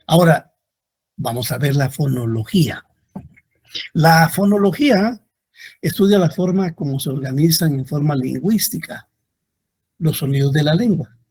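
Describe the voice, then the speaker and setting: Guy lecturing a class, slow and careful, husky voice, keeps repeating examples. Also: fairly high pitch, darkish tone. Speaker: university lecturer.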